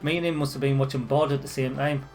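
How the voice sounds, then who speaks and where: A man's voice: medium pitch, fairly even intonation, quick pace, over music. A man with a Northeast English Sunderland accent, chatting casually while streaming retro games, full of "like" fillers. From Northeast England. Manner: chatty, nostalgic, frequent "like" fillers.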